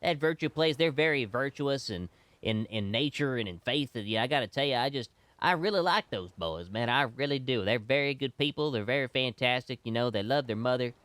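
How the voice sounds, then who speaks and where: A man's voice: medium pitch, expressive, brisk, a bit bright, no echo, lightly acted. Man doing a rambling folksy guy called Bob. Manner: rambling, repeats himself, stumbles over words. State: sick, stuffy.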